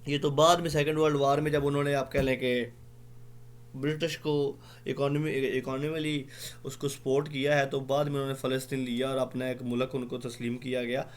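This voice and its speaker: A man teaching an exam-prep lecture in an online class, explaining slowly with many fillers and spelling out words letter by letter. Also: mid-range voice, little pitch movement.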